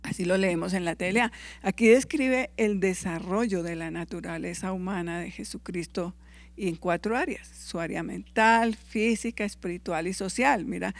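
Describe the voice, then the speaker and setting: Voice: medium pitch, dry recording. Dry, close Bible teacher. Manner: reads scripture aloud and corrects its own verse references; checks in with listeners with short tag questions. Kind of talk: Bible class lecture.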